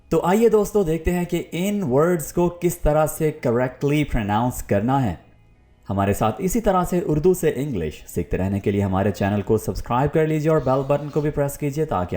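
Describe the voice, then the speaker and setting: A man, teaching English pronunciation in a video lesson and explaining patiently, repeating each word slowly. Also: mid-range voice, warm tone. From Pakistan.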